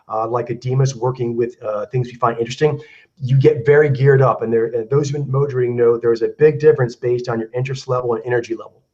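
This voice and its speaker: Slightly hoarse man, rambling host. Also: medium pitch, darkish tone, dull audio. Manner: loose and rambling, many fillers. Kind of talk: casual online chat. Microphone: video call.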